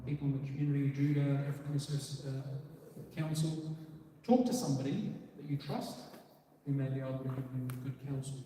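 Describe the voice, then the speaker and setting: A man police officer answering audience questions in a relaxed, conversational way with many fillers. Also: medium pitch. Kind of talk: community talk and Q&A. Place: community meeting room. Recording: echoey hall, voice from far off, faint noise.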